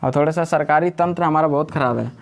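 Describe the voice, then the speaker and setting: Speaking quickly in a creaky voice on the high side, a man with a Jharkhand Hindi accent runs a class at a coaching center. He keeps the lecture chatty, cracks jokes, and frequently quizzes the students.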